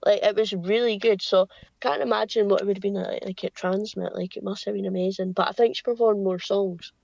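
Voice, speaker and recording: A woman's voice: mid-range voice, steady tone, creaky, a little mellow, no room sound. Chatty young woman, dull dry sound. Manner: chatty, quick, trails off with "like". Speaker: podcast co-host. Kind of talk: casual chat. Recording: dry, dull home podcast audio.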